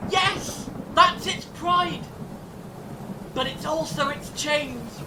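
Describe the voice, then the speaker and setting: Cast as a clever, grave time-travelling adventurer in a fan audio drama, an actor explains things in a measured, dramatic way, sounding intent and reasoning. The mic is distant, with rumbling, storm-like noise in the background.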